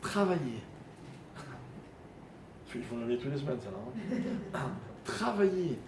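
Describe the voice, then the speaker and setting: A rabbi with a medium-pitched, gravelly, sing-song voice takes his time teaching a live Torah class. He explains Hebrew grammar step by step and quizzes the small audience in the room, heard through an echoey recording with faint noise.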